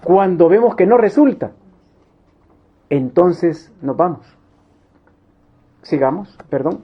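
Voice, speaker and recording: A man with a notably high voice leads a Bible study. He is emphatic, repeating key lines for weight and slipping into small acted scenes. The recording sounds dull and lo-fi. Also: lively intonation, slow, husky. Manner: emphatic, repeats key phrases, acts out little quoted scenes. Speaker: preacher.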